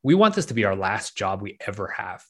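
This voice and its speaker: A man in his late thirties from Penang, Malaysia, appearing as a guest investor, chats casually in an interview with a fairly low voice at a brisk pace. His talk is relaxed and loose, packed with fillers like "like" and "right".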